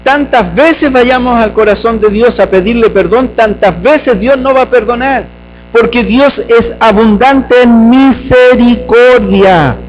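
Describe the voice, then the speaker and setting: A man's voice: extremely high pitch, measured pace. A male pastor, preaching a sermon with rhetorical questions and emphatic repetition. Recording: dull lo-fi recording with mains hum.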